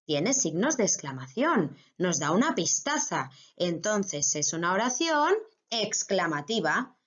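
A woman's voice: lowish voice, sing-song, measured pace, fairly bright tone, lo-fi sound. A female primary school teacher with a Spain Spanish accent, giving a recorded online grammar lesson to children and explaining patiently step by step.

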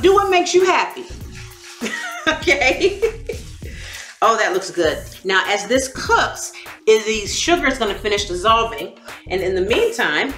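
A woman hosts a cooking demonstration in her home kitchen, chatty and encouraging, with easy laughs between steps. Her voice is bright and sits a little high. It bounces around an echoey room over soft background music. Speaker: cooking show host.

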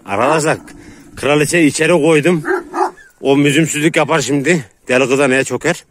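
Rough-voiced man calling his dogs. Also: fairly high pitch, normal speed. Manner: rough, joking, calls to his dogs, laughs often. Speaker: vlogger feeding his dogs. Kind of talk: casual outdoor vlog talk to viewers and dogs. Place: outdoors in a yard with dogs. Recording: noisy outdoor recording with barking dogs.

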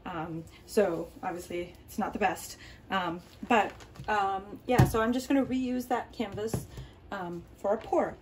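Speaking at a measured pace in a medium-pitched voice, an Arabic-speaking art tutorial host explains her painting while she works in her home studio. Her talk is casual and rambling, full of ums and restarts, against a noisy background.

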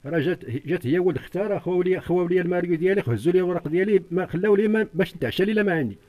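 A man's voice: high voice, rapid-fire, phone-quality sound. An older man with a Moroccan accent giving an urgent, repetitive, pleading account as an interviewee. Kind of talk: distressed eyewitness account.

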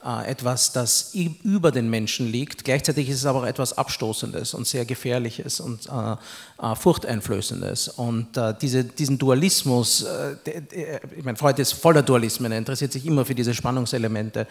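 A man's voice: mid-range voice, normal speed, gravelly. A man, an anthropologist, explaining in an academic, hesitant way with many fillers on a handheld mic in a large hall. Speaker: anthropologist guest. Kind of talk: panel discussion.

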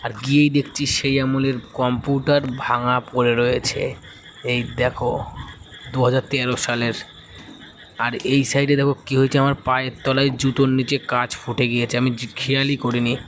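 A man's voice: medium pitch, level tone, fairly quick, a bit bright, a little hiss or hum. A man casually narrating his walk through an abandoned hospital for a vlog. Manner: casual, describing what is shown. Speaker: vlogger. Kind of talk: narrated exploration vlog voice-over.

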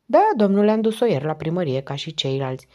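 A woman's voice: sits low, expressive, darkish tone. A woman voicing a shy, chubby schoolboy who answers questions earnestly and politely in an audiobook reading.

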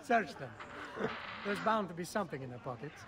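A man's voice: fairly high pitch, animated, a little fast, very noisy, close to an everyday voice. A man playing a teasing older Italian brother. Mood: brotherly. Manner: mocking and brotherly. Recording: game audio over loud music.

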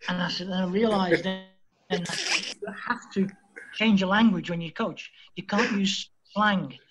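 A man from Liverpool, a football coach telling lively anecdotes as a podcast guest and acting out the dialogue. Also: high voice, normal speed, over music, poor audio. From Liverpool, England. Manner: lively storyteller who acts out quoted dialogue. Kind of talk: anecdotal interview storytelling.

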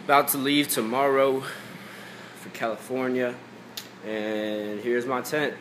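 A young man talking casually to his phone camera on a road trip, relaxed and offhand while he is a bit under the weather. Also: medium pitch, takes it slowly, background noise. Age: young adult. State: sick. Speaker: vlogger. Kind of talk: casual travel vlog. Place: car, campsite and tent. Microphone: phone held at arm's length.

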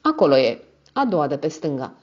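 A woman's voice: deep voice, sing-song, lo-fi sound. A woman voicing an anxious, apologetic young male secretary who speaks earnestly and with worry.

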